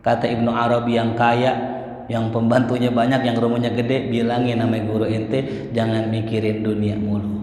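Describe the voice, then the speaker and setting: A man preaching in casual storytelling style. He talks in a lively, colloquial way and acts out the voices of the people in his stories. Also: medium pitch, normal speed, a little hiss or hum. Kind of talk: sermon storytelling. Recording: echoey hall.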